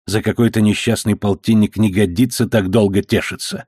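A man reading an audiobook, voicing a rough, hoarse male thug who talks coarsely. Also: lowish voice, steady tone, a little fast, darkish tone, dry recording, studio quality. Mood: whispering.

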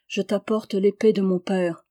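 A woman's voice: medium pitch, flat delivery, a little slow, mellow, dry recording, clean studio sound, lightly acted. A woman reading the lines of a wounded, devoted young woman who speaks in a faint voice, in an audiobook. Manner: faint, murmuring.

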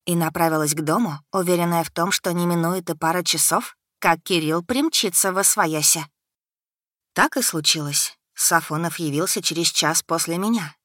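A woman narrating a first-person audiobook with a measured, expressive reading. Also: lowish voice, no echo, studio quality.

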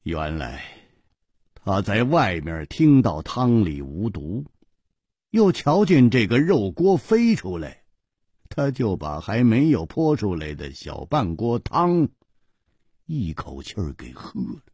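Male traditional storyteller; husky, unhurried, lively pitch, dry. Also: dry recording. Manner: expressive, swinging between loud and hushed.

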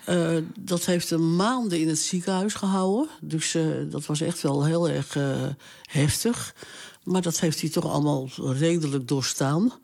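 A woman's voice: low-pitched, a little slow, vocal fry, a little mellow. Hesitant older woman reminiscing. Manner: hesitant, many fillers, plain-spoken. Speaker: interviewee. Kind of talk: casual reminiscing conversation.

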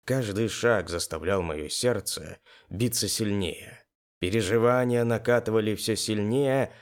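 A man narrating a first-person game-fiction audiobook in an expressive storytelling manner. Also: fairly low pitch.

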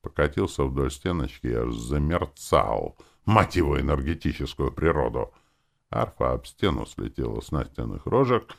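A man's voice: low-pitched, gravelly. A man narrating a first-person audiobook in a brash, irreverent storytelling manner.

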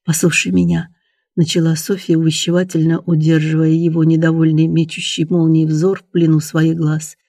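A man reading a romance novel aloud in an even, measured audiobook narration. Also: on the high side, no echo, studio quality.

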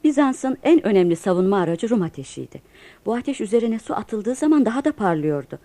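A woman's voice: mid-range voice, sing-song, quick pace, dark tone. A woman in a radio play as a patient storyteller, narrating history for children. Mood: storytelling.

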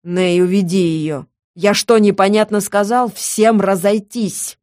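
A woman's voice: fairly low pitch, steady tone, darkish tone, dry recording, clean studio sound, close to an everyday voice. A woman doing Mel, a stern male leader. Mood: commanding. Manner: gruff, slow, authoritative.

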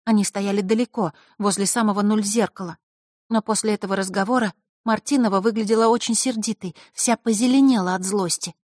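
A woman voicing a cheerful, chatty young fairy girl in a high, bright voice in an audiobook. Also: fairly even intonation, a little fast, no room sound, clean studio sound, natural voice. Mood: confiding. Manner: eager, bubbly, pushy. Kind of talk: audiobook character voice.

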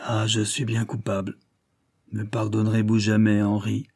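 A man's voice: fairly low pitch, monotone, moderate pace, creaky, darkish tone, no room sound, clean studio sound. A man reading an audiobook and voicing a passionate young society woman who speaks with vehemence, first pleading, then scornful.

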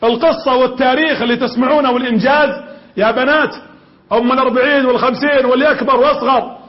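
High-voiced fast Gulf preacher. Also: male voice. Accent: Gulf Arabic. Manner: lively storytelling that quizzes the audience. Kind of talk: religious lecture. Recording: dull lo-fi lecture recording.

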